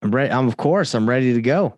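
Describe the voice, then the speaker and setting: A man's voice: mid-range voice, lively intonation, fast talker, dry recording. A man in his thirties who grew up in Georgia, a friendly guest telling his story with some rambling restarts. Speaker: real estate guest. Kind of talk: conversational interview.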